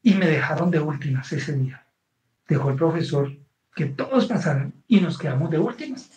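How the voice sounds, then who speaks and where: Colombian man telling a story, slightly high. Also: moderate pace, low-quality recording. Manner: animated, keeps checking in with the listener. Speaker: guest author. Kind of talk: conversational storytelling.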